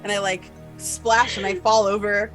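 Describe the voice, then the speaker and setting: A woman's voice: mid-range voice, level tone, normal speed, fairly bright tone, soft background music. A woman playing a tabletop game, giggly and theatrical as she hams up her character's lines. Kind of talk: playful in-character roleplay.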